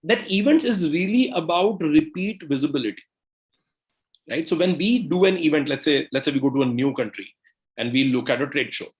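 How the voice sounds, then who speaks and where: A man from India speaking as a guest in a podcast interview. His voice is a little higher than most men's, and he talks in lively, quick bursts, checking in often with "right?" and "you know" as he tells business stories. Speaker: co-founder and CEO, podcast guest. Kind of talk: conversational interview storytelling.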